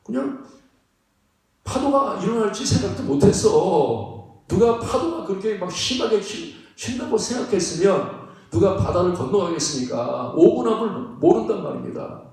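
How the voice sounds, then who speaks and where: Man, pastor, sermon, high voice, emphatic rhetorical questions, distant mic, very echoey church. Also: very animated, moderate pace, gravelly, a little mellow. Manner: emphatic, conversational preaching with frequent rhetorical questions and laughs. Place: church sanctuary.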